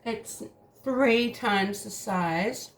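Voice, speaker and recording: Woman, home baking vlogger; casual, rambling, slow delivery, talks with mouth full. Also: a little high. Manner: chatty, rambling, eats while talking. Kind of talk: casual taste-test vlog.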